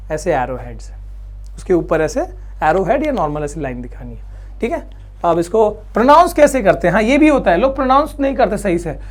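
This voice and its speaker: A male physics teacher from India giving a classroom lecture, chatty and coaxing, asking questions and answering them himself. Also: extremely high pitch. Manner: coaxing, reassuring students.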